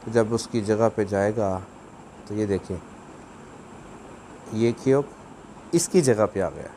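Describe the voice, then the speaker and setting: A man's voice: on the low side, normal speed, warm tone, a little hiss or hum. A man, giving a video language lesson, explaining patiently and repeating words for practice. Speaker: language teacher.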